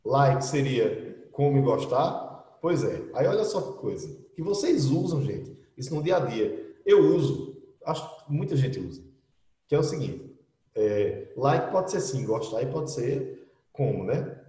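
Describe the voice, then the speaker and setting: A man's voice: medium pitch, expressive, unhurried, warm tone. A middle-aged man with a Brazilian Portuguese accent, teaching an English class online in a chatty, explaining way full of tag questions. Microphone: computer mic in an online class. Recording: roomy echo, speaking from a distance.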